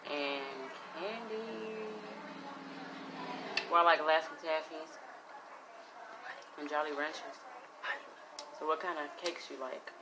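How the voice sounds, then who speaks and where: Low-voiced woman vlogger in her thirties. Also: takes it slowly, long pauses. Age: 30s. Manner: easygoing, prompting questions. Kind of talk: casual mukbang chat with her son. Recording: noisy home recording.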